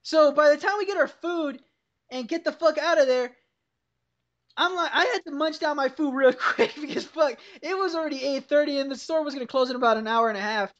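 A young woman with a high voice tells a long, rambling story, swearing freely and laughing as she goes. She is heard over a voice call, and the sound is dull and lo-fi. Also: a little fast. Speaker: podcast host. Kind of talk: casual chat over a voice call. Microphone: voice call headset or computer mic.

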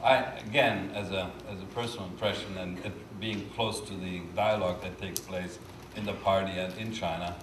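An older man on a conference panel gives measured, diplomatic remarks, slowing down for emphasis. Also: low-pitched, steady tone, noisy background. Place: conference stage, indoors. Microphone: lapel mic. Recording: echoey hall, distant mic.

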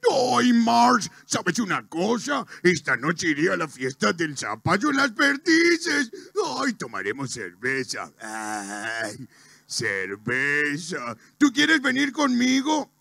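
A man's voice: sits high, big pitch swings, takes it slowly, creaky, bright, forceful tone, no room sound, clean studio sound, heavily acted. A man voicing a bumbling, beer-loving cartoon father who sighs and slurs his words. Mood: dopey. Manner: slurred, sighing, dopey.

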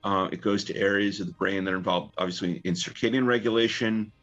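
A man being interviewed over the phone as a researcher, explaining in a relaxed way with frequent "uh" and "um" fillers. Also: fairly low pitch, quick pace, soft background music. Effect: talking over the phone. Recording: muffled phone-line sound.

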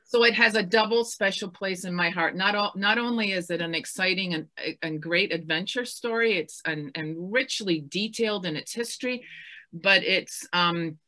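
A woman's voice: mid-range voice, normal speed, sharp tone. A Scottish woman interviewing an author over a video call, chatty and enthusiastic with many fillers. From west coast of Scotland. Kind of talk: casual book-event chat.

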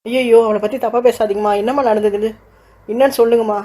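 A woman voicing a gentle, patient young housewife, husky. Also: fairly high pitch, steady tone, fast, natural voice. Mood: polite. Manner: polite, soothing, respectful. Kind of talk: cartoon voice acting.

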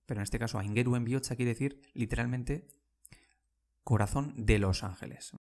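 A man's voice: medium pitch, darkish tone. A man giving a casual language lesson, explaining words patiently and often checking in with his listeners. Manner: explains slowly, repeating words and checking in with "¿vale?". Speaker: Basque language teacher.

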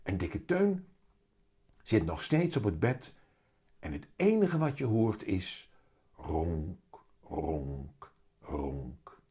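A man reading a children's story aloud in a slow, lively storyteller's manner. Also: medium pitch, breathy edge. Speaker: children's book reader.

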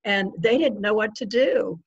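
An older woman with a breathy, husky voice, eager and reminiscing as an interview guest. Her audio sounds muffled and lo-fi. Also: medium pitch. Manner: eager, reminiscing, quick to agree. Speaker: guest author. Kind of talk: conversational interview.

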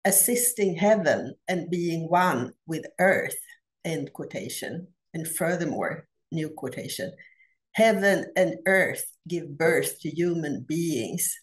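A Swedish academic researcher presents a paper in a prepared conference talk from her home office, recorded through a laptop webcam on a video call. Her low voice is slow, measured, and deliberate, with frequent "uh" pauses.

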